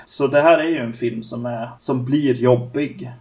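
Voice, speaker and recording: A man's voice: medium pitch, fairly even intonation, a little mellow. A man with a middling voice chats casually on a podcast, trailing off and restarting his sentences. He sounds a little distant from the microphone. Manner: conversational, many fillers and restarts. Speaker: podcast co-host. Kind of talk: casual film discussion.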